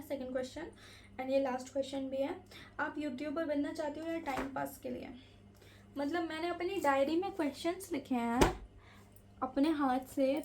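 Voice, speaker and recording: A woman's voice: high-pitched, a little mellow, slight background noise. A young woman vlogger answering viewer questions in a casual Q&A vlog, earnest and advice-giving, slipping English words into her talk. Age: young adult.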